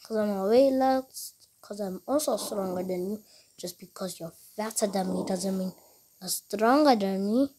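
A woman chatting casually over a game, rambling and repeating herself with halting restarts. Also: medium pitch, dark tone, a little hiss or hum.

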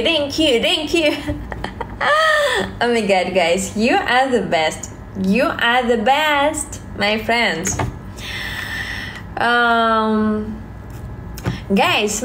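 A young Russian-accented woman chats on a phone livestream from her home, thanking viewers over and over. Her voice sits a little high and her English comes slowly, broken up by fillers. A faint hum of room ambience lies underneath. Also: fairly bright tone. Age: young adult. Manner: slow halting English with many fillers and repeated thanks. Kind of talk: live stream chat reading viewer comments. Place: home, indoors, small room. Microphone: phone at arm's length.

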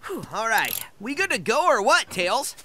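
A man voicing a cocky, quick-witted young hedgehog hero in a video game, brash and teasing. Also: very high voice, very animated, background noise. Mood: impatient. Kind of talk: video game cutscene acting.

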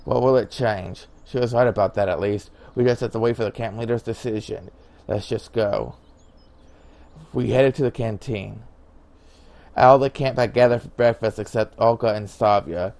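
A man reads a visual novel aloud in a casual way, with a low voice. He often stumbles on a word and starts it again, and he slips in quiet side comments between the lines of the story. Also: steady tone, normal speed, gravelly. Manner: stumbles, restarts, mutters asides. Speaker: game narrator.

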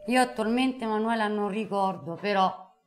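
A middle-aged woman with a medium-pitched voice hosts a live card reading in a studio. She speaks emphatically and affectionately to her callers, checking in often. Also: normal speed, faint music behind. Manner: affectionate, emphatic, repeats endearments and "eh?". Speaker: host, tarot card reader. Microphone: lapel mic.

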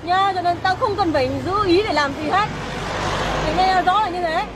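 A woman's voice: very high voice, moderate pace, over a noisy crowd. A woman playing an angry wife, scolding and berating her husband outdoors at night. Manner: shouting angrily, scolding. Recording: faint outdoor noise with crickets.

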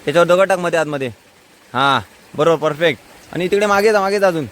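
A man's voice: a little high, quick pace, a bit bright. Man coaxing a child outdoors. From Konkan, India. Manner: coaxing, repeats short instructions. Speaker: vlogger teaching a child. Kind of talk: casual outdoor vlog. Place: outdoors by a stream.

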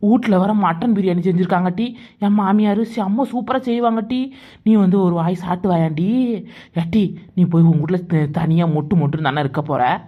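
A woman voicing a bossy, sharp-tongued village woman friend. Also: fairly low pitch, fairly quick, narrow, tinny audio, natural voice. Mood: inviting.

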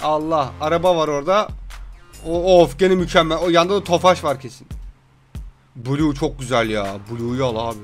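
A young man commentating a game he is playing, excitable, joking and yelling at what happens on screen. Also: on the high side, normal speed, faint music behind. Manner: excitable, yells and jokes at the game. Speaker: gameplay commentator. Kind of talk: gameplay commentary.

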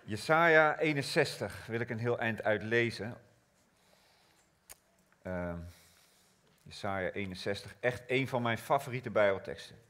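A man preaching a sermon, slow and prayerful, rising to loud emphatic scripture reading. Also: mid-range voice.

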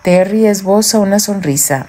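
A woman narrating a romance audiobook in a gentle storytelling manner. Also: medium pitch, moderate pace.

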